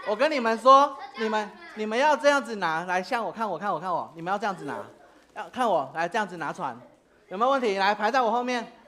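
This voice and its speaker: A woman's voice: mid-range voice, expressive, fast talker, a bit bright. A woman, a preacher leading children in a playful church game, calling out commands and laughing often. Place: church sanctuary.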